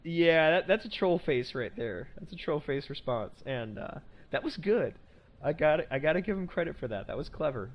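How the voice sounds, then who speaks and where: A man's voice: a little high, animated, normal speed, highs cut off. A man hosting a casual podcast, rambling and self-correcting with a joking tone. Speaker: podcast host.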